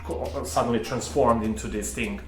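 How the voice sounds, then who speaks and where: A man tells a personal story in a halting, rambling way, often restarting his sentences. His voice sits at an ordinary pitch for a man. He records in an echoey room with faint music underneath. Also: steady tone, a little mellow. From Serbia. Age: 30s. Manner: hesitant, rambling with many restarts. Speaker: channel host.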